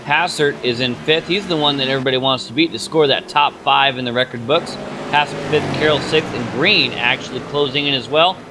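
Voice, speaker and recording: Male race analyst, mid-pitched, measured and analytical, noisy line. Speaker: color commentator. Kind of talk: sim racing color commentary.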